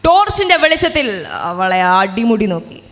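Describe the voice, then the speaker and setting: A woman's voice: a little high, big pitch swings, moderate pace, heavy background noise. A teenage girl student giving a dramatic, declamatory story performance with sung verses on a stage. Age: teens. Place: large stage hall. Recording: hall reverb, live accordion music.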